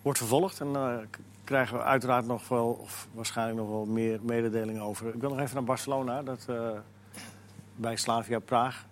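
Hesitant Dutch sports radio host. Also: male voice, mid-range voice, steady tone, fairly quick, slight background noise. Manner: hesitant, many fillers. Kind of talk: casual sports talk.

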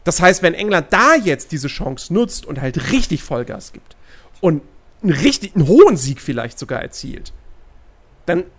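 A woman's voice: low-pitched, very animated, normal speed. A woman giving her opinions on football in casual podcast chat, repeating words as she searches for them.

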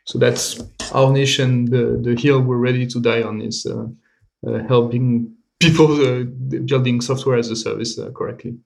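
A man's voice: mid-range voice, level tone, normal speed, gravelly. A man, a guest and co-founder, talking in a hesitant podcast chat full of fillers. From Switzerland. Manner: hesitant, many fillers, laughs easily. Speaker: guest, cloud company co-founder. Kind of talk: casual podcast conversation.

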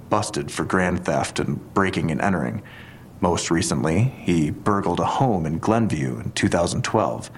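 A low-pitched male actor voices a doubtful police detective in an audio drama, his lines terse, dry and deliberate. Slight background noise can be heard.

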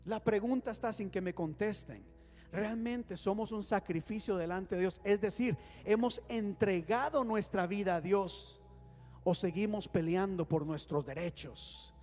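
Speaking a little slowly, a man with a high-sitting, darkish voice preaches as pastor. He asks the congregation to respond and leads them in prayer inside a church hall, captured with long hall reverb and faint background music.

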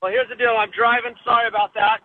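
A man's voice: very high voice, little pitch movement, quick pace, no room sound. A man calling in to a talk show on a speakerphone while driving, blunt and opinionated. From Oregon. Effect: phone speaker line. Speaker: caller. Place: in a moving car. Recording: tinny speakerphone call from a car.

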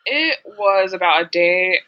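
A woman guest in a casual interview conversation, an animated storyteller who acts out quoted dialogue. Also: on the low side, measured pace. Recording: dull lo-fi sound.

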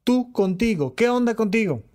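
High-voiced man, animated and emphatic. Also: moderate pace. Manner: animated, repetitive, acts out quoted dialogue. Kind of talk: podcast talk on emotional health.

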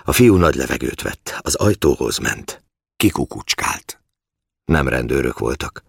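Male audiobook narrator, extremely low voice, gravelly, dry close sound, measured delivery. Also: lively intonation, no echo.

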